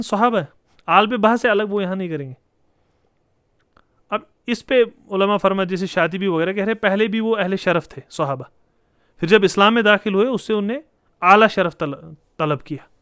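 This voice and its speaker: A man's voice: sits high, fairly bright tone, no echo, clean studio sound. A man giving a classroom lecture on Arabic grammar, explaining step by step and posing rhetorical questions to his students. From Kashmir.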